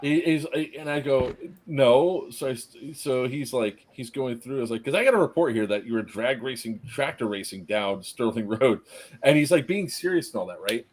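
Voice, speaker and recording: A man in casual conversation on a stream, telling an animated story, acting out quotes, laughing and swearing freely. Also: medium pitch, normal speed. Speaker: stream co-host.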